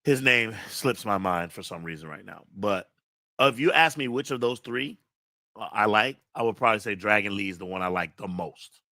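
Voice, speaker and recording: Low-voiced man chatting casually. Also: moderate pace, no echo. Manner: rambling, relaxed, many fillers. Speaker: host. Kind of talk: casual live-stream chat.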